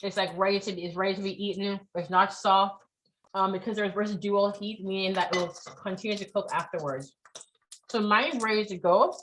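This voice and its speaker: A woman's voice: medium pitch, fairly even intonation, fairly quick, fairly bright tone, a little hiss or hum, poor audio. A woman leading a live online cooking class, chatty and encouraging, often checking in with her students.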